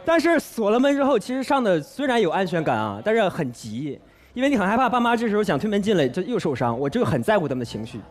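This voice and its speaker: A man telling an earnest, comedic personal story on a variety talk show, his voice dropping softly on asides, in a television studio. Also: high voice, big pitch swings, fast talker. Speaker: guest storyteller.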